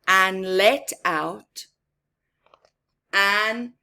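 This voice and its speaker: A children's story-time reader, this woman reads a story aloud to young children expressively, adding simple explanatory asides. Her mid-range voice is extremely slow, clear and resonant, with a sharp tone.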